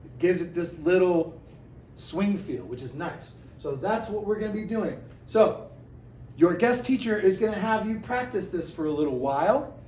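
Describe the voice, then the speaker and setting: A man's voice: high-pitched, darkish tone, a little hiss or hum. A man, a music teacher, giving a recorded lesson to a class of children, chanting rhythm syllables to show each part and encouraging them. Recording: echoey room with faint ambience.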